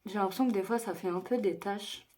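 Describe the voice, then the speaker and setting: A woman's voice: medium pitch, fairly quick, warm tone. A young woman chatting her way through a makeup tutorial, explaining each step and joking at her own expense. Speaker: beauty vlogger.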